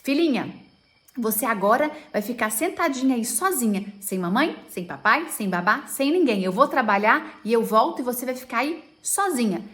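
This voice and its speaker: A woman's voice: a little high, expressive, normal speed, fairly bright tone. A woman voicing a toddler girl who bossily plays a working mother and talks firmly to her pretend daughter. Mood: bossy. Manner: firm, bossy, doting.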